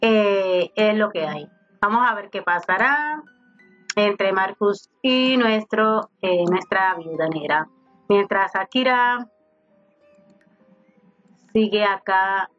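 Slow and given to long pauses, this woman's medium-pitched voice is a bit bright. As a gaming YouTuber, she casually narrates a let's-play and chats with her game characters, faint game music playing in her slightly dull home recording.

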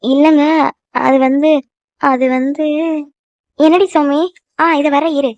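A woman's voice: sits high, flat delivery, a little mellow, dry recording, highs cut off. A woman voicing a flustered young cartoon woman who stammers and talks in a hurry. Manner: stammering, hurried.

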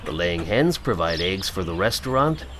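A man from Canada narrating a scripted promotional voice-over in a calm, measured, unhurried way. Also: low-pitched, slight background noise.

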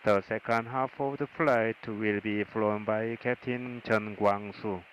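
A man's voice: on the low side, fairly even intonation, lo-fi sound. A man with a Korean accent, an airline captain giving a formal scripted in-flight announcement. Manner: formal, measured phrasing. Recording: hissy aircraft PA.

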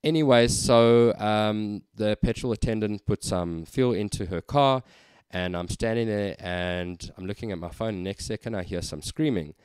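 Man, deep smooth voice, rambling vlog story, dry close sound. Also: normal speed, darkish tone, no room sound. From South Africa. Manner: conversational anecdote with frequent ums. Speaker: vlogger. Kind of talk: casual storytelling.

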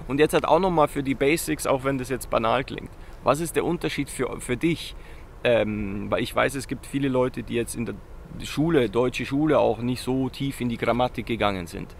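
A man teaching basic Italian in a casual video lesson, lively, asking questions and repeating words slowly and loudly. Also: medium pitch, vocal fry, a little hiss or hum.

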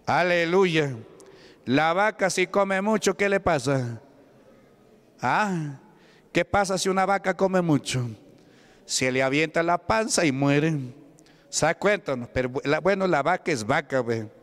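A high-voiced Peruvian man preaches to his congregation, firing questions at them and waiting for their answers. His tone is smooth and resonant, and a long church-hall reverb trails every line. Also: lively intonation, a little slow, fairly bright tone. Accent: Peruvian Spanish. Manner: questioning the congregation, call-and-response. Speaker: pastor. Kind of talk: Pentecostal sermon.

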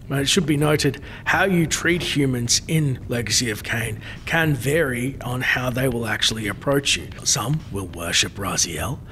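A man narrates a game tale in a formal, storyteller style. His voice is medium in pitch with a sharp, forceful edge. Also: slight background noise. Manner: formal, literary phrasing. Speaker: narrator of a game lore series. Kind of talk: scripted dramatic story narration of gameplay.

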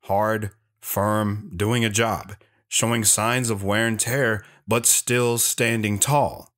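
Guitar music plays behind a man voicing a reflective, stoic young soldier and father in an audio drama. His fairly low, fairly bright voice moves slowly with fairly even intonation, and he handles the first-person narration and dialogue in an understated way.

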